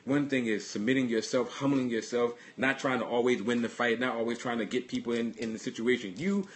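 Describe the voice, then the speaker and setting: A man's voice: mid-range voice, fairly even intonation. A man pastor giving a livestreamed sermon, earnestly telling personal stories and often restarting his sentences. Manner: halting, restarts and repeats words; earnest storytelling.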